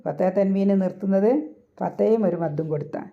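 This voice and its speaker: A woman's voice: medium pitch, creaky, narrow, tinny audio. A woman from Kerala teaching Quran recitation, explaining each rule step by step and asking her listeners questions. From Kerala, India. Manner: chants verses slowly and drawn out.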